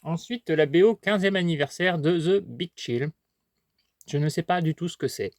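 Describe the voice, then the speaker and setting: A man's voice: fairly high pitch, expressive, moderate pace, no echo, clean studio sound. Chatty man rambling through a haul. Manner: chatty and rambling, many fillers and restarts; talks while eating. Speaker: collector vlogger. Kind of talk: casual haul chat.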